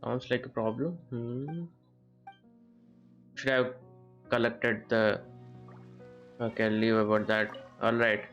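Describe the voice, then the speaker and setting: Speaking slowly with long pauses, a man streams a game and comments casually live, rambling as he thinks aloud and repeating phrases. His mid-range voice is steady and fairly bright, the audio is dull, and game music and character voices play in the background.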